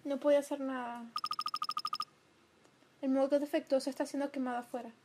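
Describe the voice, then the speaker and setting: A young woman talks over her gameplay in a high voice, reacting emotionally and now and then breaking into loud outbursts. Steady noise from her home setup sits clearly behind her. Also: fairly quick. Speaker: gameplay commentator. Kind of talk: let's play commentary.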